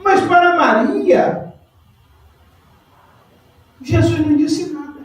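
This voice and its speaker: A pastor delivers a lively sermon and calls on members of his congregation by name. His voice is fairly high for a man. He is heard from a distance in a strongly reverberant church hall. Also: takes it slowly.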